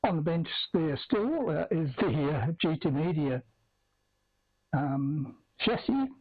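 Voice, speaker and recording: A man with an Australian accent, heard as if over a walkie-talkie radio link, presenting on an amateur net in a chatty, halting way. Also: a little high, big pitch swings, breathy edge. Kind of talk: casual hobbyist chat on an amateur net. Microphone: lapel mic. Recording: tinny radio-link audio.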